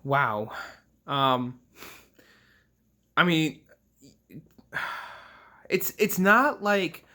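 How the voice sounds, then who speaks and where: A young man in his twenties talks straight to his viewers in a rambling, emotional rant, swearing freely and restarting his sentences. His voice sits a little high for a man and has a bright, tense edge. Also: expressive, very slow. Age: 20s. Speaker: gaming vlogger. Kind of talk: casual rant to camera.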